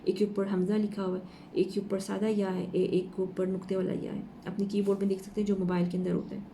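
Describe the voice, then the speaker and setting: A woman giving an informal Quran lesson, walking slowly through the letters of each verse. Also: mid-range voice, level tone, creaky, mellow, slight background noise. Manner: slow, explaining letter by letter. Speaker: Quran teacher.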